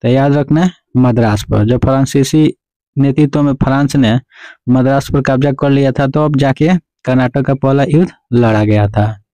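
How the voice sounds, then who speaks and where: Mellow-voiced man drilling quiz answers. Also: mid-range voice, fairly even intonation, normal speed, no room sound, poor audio. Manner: repeats "remember" and "okay" as drilled prompts. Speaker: exam-prep teacher. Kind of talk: quiz explanation lesson.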